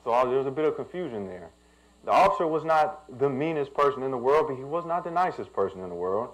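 A man's voice: medium pitch, animated, fast, low-quality recording. A young man, a pastor telling a personal story in a sermon and building to emphatic preaching.

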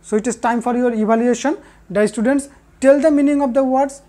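A woman teaching a class, repeating the key answers and pausing with fillers. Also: on the high side, mellow. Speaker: English teacher. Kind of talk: recorded classroom lesson.

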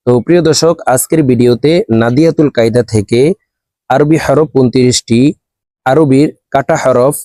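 A man teaching a recorded lesson on letter pronunciation. He repeats each letter slowly so listeners can copy him. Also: medium pitch, mellow, no echo. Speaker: Quran teacher.

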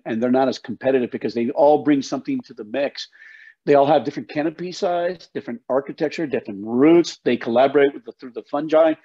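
An older man with a mellow, medium-pitched voice appears as a guest soil health educator on a video call from his indoor home office. He explains things passionately in an emphatic, folksy interview style, and the call audio is slightly dull.

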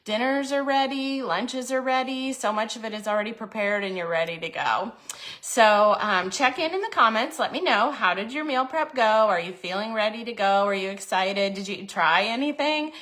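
A woman in her forties hosting a casual live video from her kitchen, chatty and filling pauses with frequent "um"s. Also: a little high, fairly bright tone. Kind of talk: casual live-stream chat. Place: home kitchen, indoors. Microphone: phone camera held close.

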